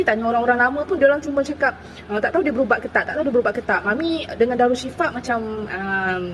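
Fast-talking, high-voiced woman telling a story. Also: a little hiss or hum, low-quality recording. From Terengganu, Malaysia. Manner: animated, chatty, full of fillers. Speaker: woman sharing a personal experience. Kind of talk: casual storytelling to viewers.

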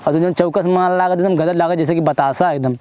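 Fast, high-voiced young man pleading. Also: fairly even intonation, background noise.

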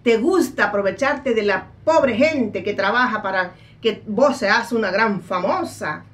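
A woman's voice: a little high, a bit bright, distant mic. A woman playing a brash female psychic who scolds and mocks in a dramatic comic card reading. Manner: scolding, dramatic, laughs at her own jabs.

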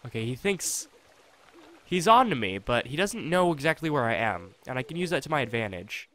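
A young man giving casual gameplay commentary, chatty and thinking aloud, with excitable reactions. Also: medium pitch, fairly quick. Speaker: let's play host. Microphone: desktop USB condenser mic.

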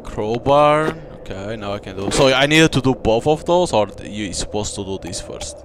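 A man's voice: medium pitch, animated, normal speed, noisy background. A man giving casual gameplay commentary, thinking aloud as he plays. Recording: loud game music behind the voice. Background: loud game music.

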